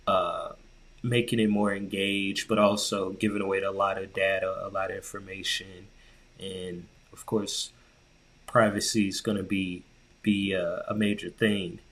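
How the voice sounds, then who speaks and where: A podcast co-host with a lowish, slightly bright voice chats informally about tech. He talks in a casual, conversational way and uses plenty of slang.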